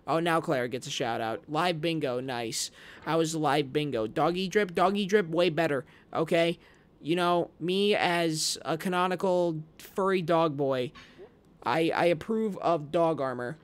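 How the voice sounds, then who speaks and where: A man streaming live and rambling excitedly at his chat, swinging from loud hype to low muttering. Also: a little slow. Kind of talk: live gameplay commentary to chat.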